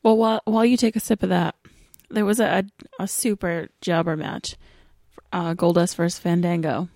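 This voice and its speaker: A woman recaps a wrestling match in a plain, matter-of-fact way. Her voice sits fairly low, and the sound is dry and close. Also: steady tone, normal speed, dark tone, no room sound. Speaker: podcast co-host. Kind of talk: casual wrestling chat.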